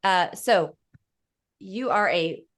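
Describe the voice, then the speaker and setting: A woman's voice: fairly low pitch, very slow, fairly bright tone. Effusive Boston woman hosting a podcast. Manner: effusive and enthusiastic, rambling. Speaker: podcast host. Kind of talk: casual interview chat.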